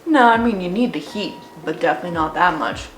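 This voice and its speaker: A woman's voice: fairly low pitch, expressive, fast talker, close to an everyday voice. A woman playing both parts of a re-enacted conversation, here voicing a blunt, careless male construction coworker. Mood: amused. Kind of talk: acted dialogue re-enactment. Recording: roomy echo, faint music.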